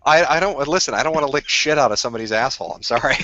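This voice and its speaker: A man's voice: medium pitch, expressive, fast, bright, forceful tone, no echo, lo-fi sound. A drunk man from Minnesota with a Minnesota accent, rambling crudely in casual livestream chat and laughing often. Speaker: streamer.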